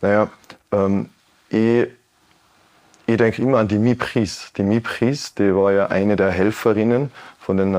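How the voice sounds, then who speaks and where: A man in his late thirties from Tyrol with a Tyrolean Austrian accent, answering earnestly and thoughtfully in an interview, with many pauses and restarts. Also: fairly low pitch, darkish tone. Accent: Tyrolean Austrian German. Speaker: guest, Anne Frank House educator. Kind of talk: broadcast interview.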